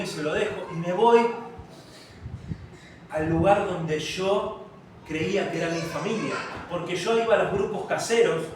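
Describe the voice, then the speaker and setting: A man with a Rioplatense Spanish accent preaching a sermon and telling a personal story, with halting restarts. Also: on the high side, a little hiss or hum. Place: large church hall. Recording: very echoey hall, distant mic.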